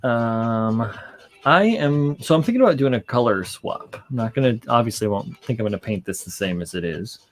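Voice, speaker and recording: A man hosting a casual livestream chat, relaxed and rambling with many fillers, a little tired. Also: mid-range voice, normal speed. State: yawning, tired. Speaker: streamer hosting a model-building stream.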